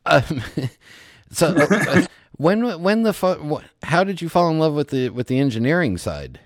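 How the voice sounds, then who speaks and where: A man's voice: a little high, big pitch swings, measured pace, no room sound, clean studio sound. A man hosting a radio interview show, teasing his guests and laughing often. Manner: jokey, teasing, laughs a lot.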